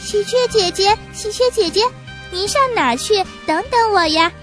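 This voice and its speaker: A high, eager little pigeon boy in a children's storybook, bold but quick to stammer when caught out, as a woman storyteller puts him on. Faint music plays under the reading.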